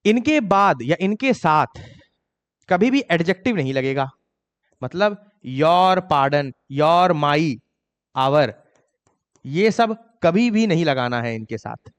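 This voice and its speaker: Indian man, grammar teacher, exam-prep lesson, scolding and emphatic, somewhat high voice, long room reverb. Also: lively intonation. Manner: scolding, mocks students' excuses in a higher voice; reads English examples slowly and deliberately.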